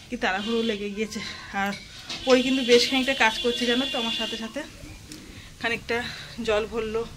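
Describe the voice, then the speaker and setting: A woman vlogging at home, chatting to her viewers in a running commentary while busy with chores, recorded on a handheld phone as she moves indoors and out. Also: on the high side. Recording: noisy household ambience.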